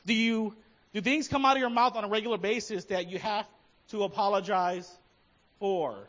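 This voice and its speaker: A man's voice: high voice, fairly even intonation, normal speed, fairly bright tone, lo-fi sound. A man preaching a sermon as pastor, talking conversationally and asking his listeners many questions.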